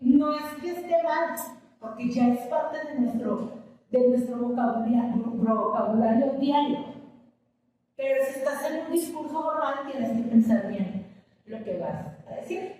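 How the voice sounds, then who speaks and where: A woman's voice: high-pitched, measured pace, mellow. A woman teacher giving a patient classroom lecture, explaining with everyday examples and questions to her students. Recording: echoey classroom from a distant mic with faint ambience.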